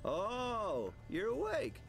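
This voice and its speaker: Game casting: a cocky talking mare, surfer-dude drawl, sarcastic and carefree, higher voice. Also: male voice, huge pitch swings, very slow, gravelly, fairly bright tone, a little hiss or hum, full character voice. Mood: laid-back. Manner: breezy, teasing, sarcastic. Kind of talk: video game voice acting.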